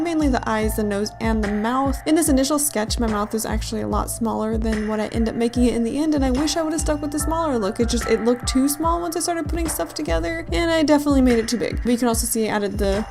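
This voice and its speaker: A woman giving a casual makeup tutorial voice-over, rambling along with self-deprecating asides. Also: a little high. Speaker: makeup and body paint artist, channel host. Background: music.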